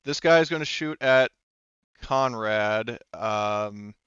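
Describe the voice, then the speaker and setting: A man with a lowish, slightly bright, clean voice speaks slowly as game master of a tabletop role-playing game, in a dry recording with no echo but slightly muffled audio. He chats informally about rules and dice, reasoning aloud and occasionally swearing.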